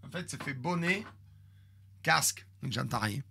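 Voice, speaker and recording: A man's voice: mid-range voice, expressive, measured pace, gravelly, bright, forceful tone, husky. A man in his fifties telling a story in a crude, theatrical, jokey way, with asides to his chat. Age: 50s. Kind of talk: casual storytelling.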